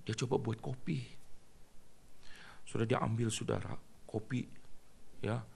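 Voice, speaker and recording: A man's voice: medium pitch, steady tone, measured pace, vocal fry, darkish tone, slightly rough. A male pastor preaching a sermon, telling a story and addressing the congregation again and again.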